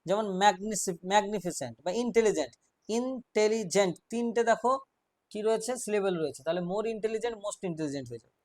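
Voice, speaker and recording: A man teaching an English grammar class, explaining rules step by step, quizzing his students and reading example sentences out slowly. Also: high voice, a little mellow, no room sound.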